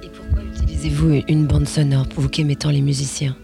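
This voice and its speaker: A man's voice: a little high, little pitch movement, fast talker, vocal fry, music in the background. A male interviewer asking formal, polite questions.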